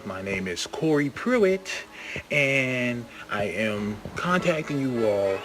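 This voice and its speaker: A man, a comic book writer, casually pitching his book to camera in an easygoing, enthusiastic way, with plenty of fillers. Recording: music playing underneath.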